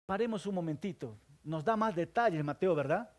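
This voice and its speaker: With lively intonation and a brisk pace, this male pastor preaches to his congregation. He poses questions and answers them on his own, shifting from loud emphasis to hushed, low asides.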